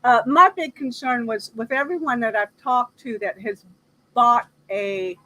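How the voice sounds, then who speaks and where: A woman's voice: fairly high pitch, unhurried, pushed and bright, rough recording. A woman hosting a casual live chat about everyday practical matters, speaking conversationally.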